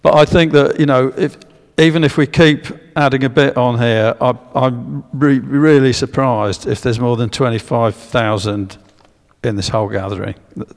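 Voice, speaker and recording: A man gives a history lecture in a church, pausing on fillers and restarting his sentences as he asks the audience for guesses. His voice has a gravelly, creaky edge at a middling pitch. The church hall's long echo trails after his words. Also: fairly even intonation. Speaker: speaker giving a history talk. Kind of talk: public lecture with slides.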